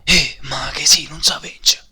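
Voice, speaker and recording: A man's voice: lowish voice, moderate pace, sharp tone. A man with a Neapolitan accent voicing hot-blooded anime fighters in a comedic fan-dub parody, theatrical and exclamatory. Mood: wary, mocking.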